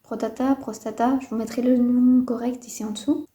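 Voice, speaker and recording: A woman's voice: on the high side, level tone, a little fast, dark tone. A woman casually chatting to camera as a houseplant vlogger, hesitant, with many fillers and a mildly disappointed tone, indoors at home. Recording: roomy echo.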